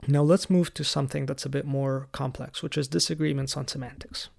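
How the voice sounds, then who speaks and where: A man with a deeply gravelly, fry-heavy voice hosts a solo teaching podcast. He explains church history calmly, with a lightly wry edge, at a middling pitch. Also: fairly quick. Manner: raised in the Coptic Orthodox Church. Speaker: podcast host.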